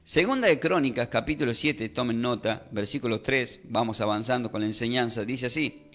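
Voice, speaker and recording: A man's voice: mid-range voice, fairly quick, a bit bright. A man teaching a radio Bible class, emphatic, often repeating phrases and spelling out words. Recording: radio studio with faint music.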